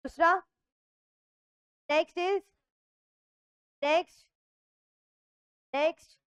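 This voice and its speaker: An Indian woman giving a classroom revision lecture in a lively way, questioning her students, mixing Hindi and English. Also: extremely high pitch, extremely slow, highs cut off. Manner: lively, asks the class questions and answers them herself. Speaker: commerce lecturer.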